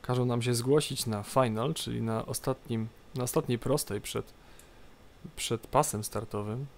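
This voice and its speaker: Creaky-voiced man giving a halting tutorial. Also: medium pitch. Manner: halting, explanatory, repeats phrases. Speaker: tutorial presenter. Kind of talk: unscripted game tutorial commentary. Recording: light background noise, game cockpit ambience. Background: flight simulator cockpit ambience.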